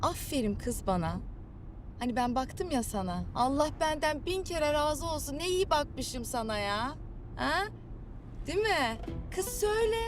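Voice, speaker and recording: A woman's voice: sits high, very animated, measured pace, over music. An actress playing a pushy, teasing middle-aged mother who fishes for praise, in a TV drama. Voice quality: nagging, teasing. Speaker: mother character. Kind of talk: TV drama acting.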